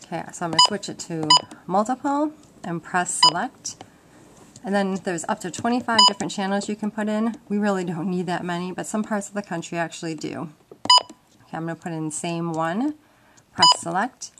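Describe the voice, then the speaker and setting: Home-video audio from a handheld camera mic, noisy and peppered with clicks, captures a woman at a wooden table in her home. She speaks a little fast in a lowish voice, informally explaining a casual demonstration step by step as the instructor.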